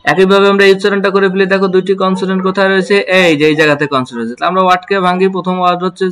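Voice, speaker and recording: A man teaching English pronunciation in an online lesson. He spells words letter by letter, repeats them slowly and asks his students questions that he then answers himself. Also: high-pitched, fairly even intonation, a bit bright.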